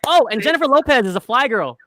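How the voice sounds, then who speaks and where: A man's voice: very high-pitched, lively intonation, fast, a bit bright. A man in casual chat, rambling enthusiastically with lots of fillers as he makes his pick. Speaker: draft participant.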